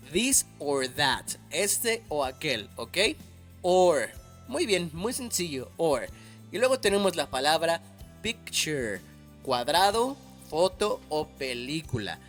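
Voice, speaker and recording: Slow, patient Spanish-speaking English teacher. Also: male voice, fairly high pitch, a bit bright. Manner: patient, repeats each word slowly and clearly. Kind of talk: slow, careful language lesson.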